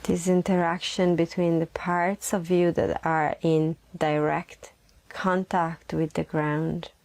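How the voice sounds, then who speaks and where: Calm and slow, a woman leads listeners through a guided meditation using repeated phrases and long pauses. Her voice is lowish and soft, breathy now and then, with little pitch movement.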